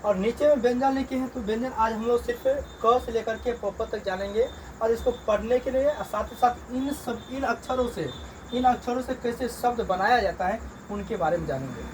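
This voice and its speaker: A man, a teacher slowly drilling beginners through letters and sounds in a reading lesson, repeating each one. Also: extremely high pitch. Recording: distant mic, loud crickets and traffic.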